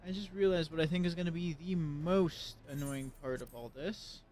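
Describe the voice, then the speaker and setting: A man's voice: on the high side, moderate pace, darkish tone. A man streaming a video game, chatting casually, swearing often and reading the game's dialogue aloud with sarcasm.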